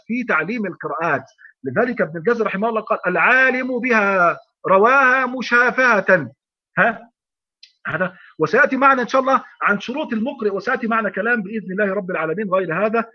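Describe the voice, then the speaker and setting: Egyptian male sheikh, quick emphatic lecturer, repeats himself, dull online recording. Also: high-pitched, breathy edge. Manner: emphatic, repeats phrases, rhetorical questions. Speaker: sheikh teaching Quran readings.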